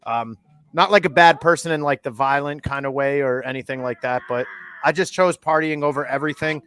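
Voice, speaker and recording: A man in his thirties, a podcast guest, telling his story in a candid, measured way with many fillers. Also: on the high side, a bit bright, slight background noise. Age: 30s. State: holding a baby on his lap. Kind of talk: casual chat.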